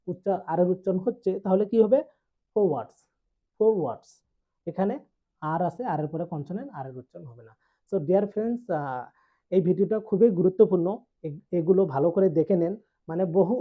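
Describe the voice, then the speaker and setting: A man teaching English pronunciation in a YouTube lesson, drilling words with repeated questions and answers. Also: sits high. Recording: tinny phone-like audio.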